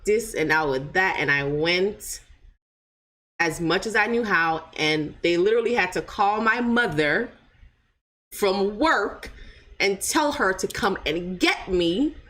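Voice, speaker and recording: Speaking slowly in a mid-range, fairly bright voice, a Jamaican woman with a light accent recounts her own story to her channel's viewers. She is expressive and chatty, drifts off on tangents, and keeps asking "right?".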